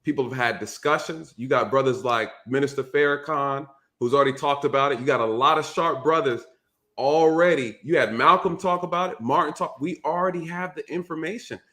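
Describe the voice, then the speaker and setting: A man whose voice is a little high and a bit bright talks fairly quickly while hosting a casual call-in live stream. Emphatic and repetitive, his cadence sounds like preaching.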